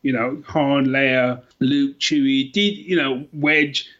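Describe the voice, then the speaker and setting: Speaking slowly with a medium-pitched, fairly bright and steady voice, a middle-aged British man joins a podcast as a guest to chat casually about his favourite books. He is reflective, often repeating and rephrasing as he thinks, and the recording is dull and lo-fi.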